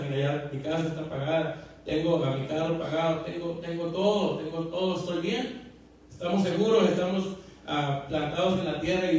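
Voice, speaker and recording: A man's voice: on the high side, a little mellow, slight background noise. A man preaching a sermon as pastor, fervent and repetitive, full of fillers and questions to the congregation. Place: church hall. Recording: very echoey hall, mic far off.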